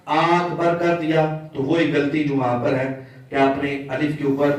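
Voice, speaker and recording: A man teaching prayer recitation, chanting phrases slowly and carefully correcting pronunciation. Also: on the high side. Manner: drawn-out chanted demonstrations of phrases; repeats and corrects pronunciation patiently. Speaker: religious teacher. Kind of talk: recitation lesson. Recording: echoey, distant from the mic.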